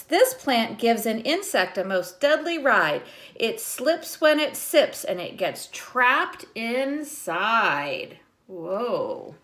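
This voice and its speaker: A woman reads a picture book aloud to young children, sounding much like a teacher. Her pitch is a little high, her reading expressive, and she offers short explanatory remarks along the way.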